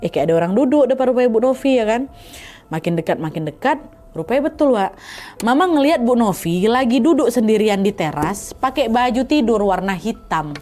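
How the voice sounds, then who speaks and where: A woman's voice: fairly high pitch, expressive, brisk, a little mellow. A woman telling a horror story in a chatty, dramatic way, talking straight to her listeners. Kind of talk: casual spoken horror storytelling.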